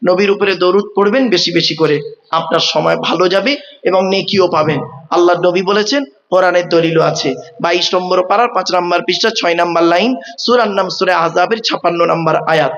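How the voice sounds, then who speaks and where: High-voiced man preaching in a hall. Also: fairly bright tone, highs cut off. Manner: quizzing the crowd, stressing pronunciation. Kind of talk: Bengali waz sermon. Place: large outdoor religious gathering.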